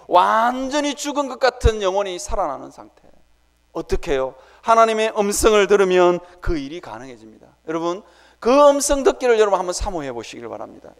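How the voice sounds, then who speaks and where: A man preaching a sermon in a church sanctuary, telling his story in an animated way and acting out his own prayers. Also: high-pitched. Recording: reverberant church hall.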